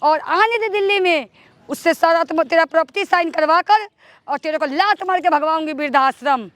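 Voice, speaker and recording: A woman's voice: very high-pitched, normal speed, a bit bright, no echo. A woman playing an arrogant, bullying young daughter-in-law who orders her mother-in-law around with contempt in a staged family quarrel skit. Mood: scornful. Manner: bossy, contemptuous, threatening.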